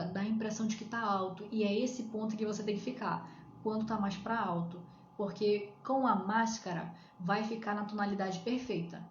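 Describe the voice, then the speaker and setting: A Brazilian woman giving advice in a live-stream talk, explaining step by step and asking herself rhetorical questions. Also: medium pitch. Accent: Brazilian Portuguese. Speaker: coach on shyness. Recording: echoey room, dull lo-fi sound, faint hiss.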